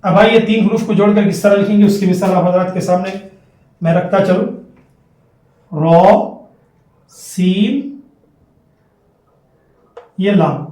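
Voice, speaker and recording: High-voiced slow-spoken male teacher. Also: mellow. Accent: Hyderabadi Urdu. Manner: spells letters out one by one and repeats syllables, drawn out. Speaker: Quran recitation teacher. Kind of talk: slow, deliberate classroom lesson. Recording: roomy, distant mic.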